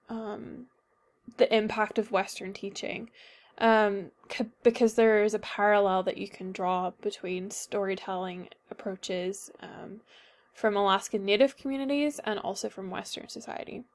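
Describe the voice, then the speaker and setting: Unhurried and with a darkish tone, a young woman with a Northern Irish accent presents her class paper while a little sick, frequently hesitating and using ums. Her mid-range voice keeps fairly even intonation.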